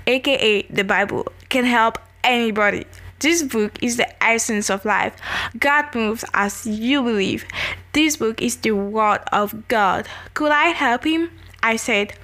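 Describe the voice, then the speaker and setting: A woman hosting a devotional, reading scripture and stories aloud with animated expression, then chatting about them casually. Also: fairly high pitch. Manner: casual and chatty, with many likes. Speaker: devotional host.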